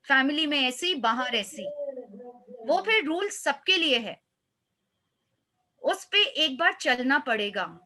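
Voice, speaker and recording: A woman's voice: high voice, sharp tone. A woman, a life coach, speaking earnestly in a motivational interview and mixing in English phrases.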